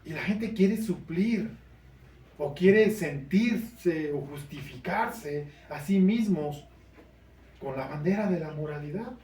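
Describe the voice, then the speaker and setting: A high-voiced male pastor delivers a sermon at an unhurried pace, earnest and building to emphatic questions. He is picked up from a distance, so the church hall rings around his voice. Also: animated, dark tone, a little hiss or hum. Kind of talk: preaching a sermon. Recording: roomy church sound from a distant mic.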